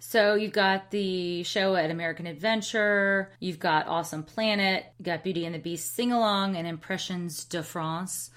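A woman co-hosting a casual talk show, explaining things in a brisk, friendly way. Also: medium pitch, a bit bright. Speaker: podcast co-host. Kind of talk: casual chat.

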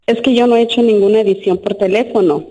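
A woman with a warm, mellow voice on a phone call, polite and earnest. She speaks a touch high, taking things at face value. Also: steady tone, fast talker, slightly rough. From Mexico. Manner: polite, earnest, growing impatient. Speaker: prank call target, aspiring actress. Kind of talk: phone conversation.

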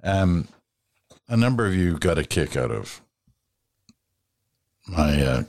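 A man's voice: sits low, big pitch swings, takes it slowly, darkish tone. A man hosting a talk show, chatting casually and reading listener mail aloud in a self-deprecating, chatty way. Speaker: podcast host.

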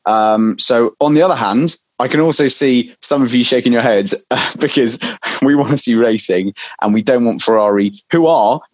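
Brief: a relaxed male co-host, halting, on a dry close mic. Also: mid-range voice, dry recording. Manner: relaxed, hesitant, full of restarts. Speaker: podcast co-host. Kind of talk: casual chat.

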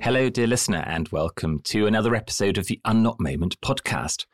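Deep-voiced man hosting with lively intonation. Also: over music. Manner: measured, polished delivery with lively intonation. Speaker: podcast host and coach. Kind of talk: podcast interview hosting.

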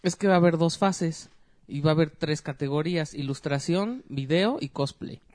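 A man's voice: a little high, moderate pace, darkish tone, no echo. A man with a Mexican accent co-hosting a podcast, reading gaming news in a rambling, casual way. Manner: rambling, restarts explanations. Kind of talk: casual chat.

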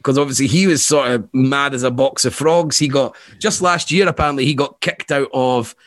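A man's voice: mid-range voice, moderate pace, fairly bright tone, no echo. A man, co-hosting a casual football chat, rambling and laughing often. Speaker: podcast co-host.

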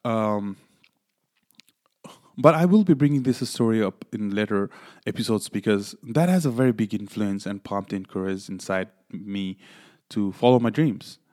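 A man, hosting his own podcast in an earnest, halting way with many fillers. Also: on the low side, darkish tone. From Nepal. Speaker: podcast host. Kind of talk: solo podcast monologue.

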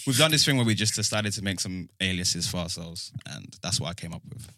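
A man's voice: low-pitched, expressive, fast, pushed and bright. A young man with a London accent, chatting casually as a podcast guest in a teasing, slangy way.

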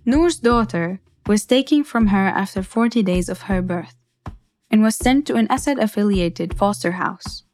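A woman giving measured, scripted documentary narration as the podcast's narrator. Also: mid-range voice, no room sound. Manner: measured, even storytelling.

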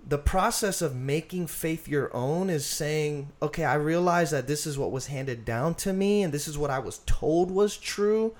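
A man talking in an earnest, animated, casual way about faith on a podcast. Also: a little high, normal speed, hardly any pauses. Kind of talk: casual conversation.

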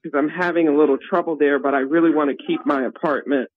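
A middle-aged woman calling in to a radio advice show over the phone, speaking hesitantly with many pauses and ums. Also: low-pitched, steady tone. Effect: heard over a phone line on a radio show. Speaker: caller to a call-in advice show. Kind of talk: phone-in call. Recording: tinny phone line.

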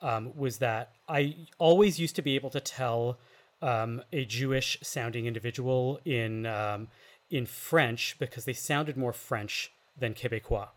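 Montreal guy hosting a podcast, slow-ish, lots of ums. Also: medium pitch. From Montreal, Canada. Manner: measured, hesitant with ums. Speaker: podcast host. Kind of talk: casual chat.

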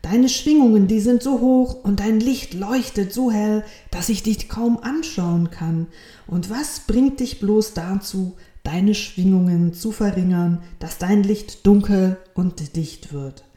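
A woman's voice: mid-range voice, slow, dark tone, close to an everyday voice. A woman voicing a small, eager, wondering little soul in a storybook reading, talking with a touch of impatience. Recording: roomy echo.

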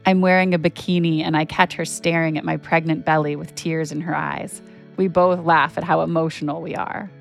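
A woman's voice: low-pitched, little pitch movement, brisk, creaky, soft background music. A woman hosting a podcast, narrating a personal story in a reflective, intimate way.

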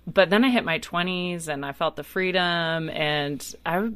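A woman in her thirties, a guest in a casual interview, candid and quick to laugh. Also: fairly low pitch, fairly bright tone, smooth. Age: 30s.

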